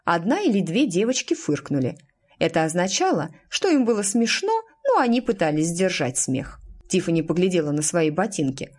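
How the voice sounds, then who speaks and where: A woman narrating a storybook in an expressive, storytelling manner. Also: on the low side, normal speed, breathy edge. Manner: expressive storytelling with lively intonation. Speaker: audiobook narrator. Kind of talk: scripted narration.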